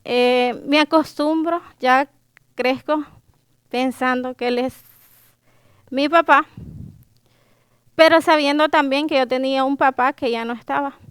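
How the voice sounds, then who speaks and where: Salvadoran woman, high voice, slow, hesitant, emotional personal testimony, close dry sound. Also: no room sound. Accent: Salvadoran Spanish. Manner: hesitant, many fillers and restarts; emotional, holding back tears. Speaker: guest sharing her life story.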